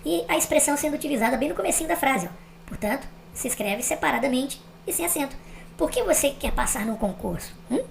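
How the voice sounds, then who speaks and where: A woman's voice: high voice, expressive, fast talker, vocal fry, slight background noise. A woman explaining grammar step by step on video, checking that the viewer follows. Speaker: teacher.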